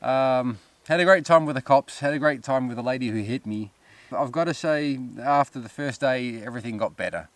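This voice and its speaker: A man's voice: medium pitch, brisk. A man, a touring cyclist, speaking English, hesitant and wry. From Netherlands. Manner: hesitant, wry, many ums. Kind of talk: interview recollection.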